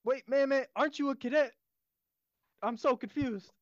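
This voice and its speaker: A man's voice: extremely high pitch, moderate pace, no room sound, highs cut off. A man playing a goofy, clueless young cadet who stammers and giggles in a comedy skit.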